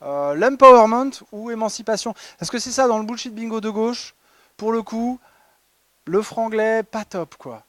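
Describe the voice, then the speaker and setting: A man's voice: high voice, normal speed, darkish tone, no room sound. A man presenting a humorous award talk at a conference, ironic and chatty with many fillers and restarts. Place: conference hall.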